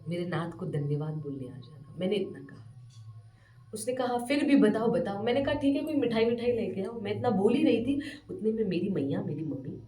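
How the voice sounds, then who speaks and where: A woman who tells a story with a lot of feeling, acting out the people she quotes. Her voice is soft and dark, and in the middle of her words it often jumps high. She is recorded in an echoey room from a little distance, with faint sound in the background. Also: animated, fairly quick. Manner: acts out quoted voices with rising pitch and loudness. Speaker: devotee storyteller guest. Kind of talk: animated personal storytelling.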